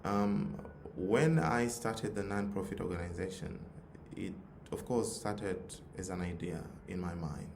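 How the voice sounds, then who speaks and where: This youth nonprofit leader, a man with a Tanzanian accent, offers a forum an earnest motivational talk with a personal story, repeating phrases to drive points home. His low, slightly mellow voice carries vocal fry and moves a little slowly with hardly any pauses. Background noise is audible over a roomy echo.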